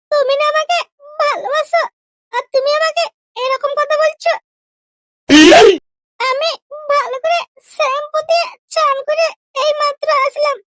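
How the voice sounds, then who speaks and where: A squeaky cartoon girlfriend. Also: a bit bright, dry recording, studio quality. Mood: indignant. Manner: indignant, quick to take offense. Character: squeaky young woman, prim and touchy girlfriend. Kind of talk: cartoon comedy dubbing.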